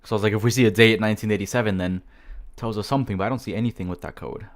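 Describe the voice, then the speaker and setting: A man's voice: on the low side, steady tone, racing. A man hosting a casual livestream, chatty and apologetic, laughing often as he talks with guests. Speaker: livestream host. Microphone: desk mic.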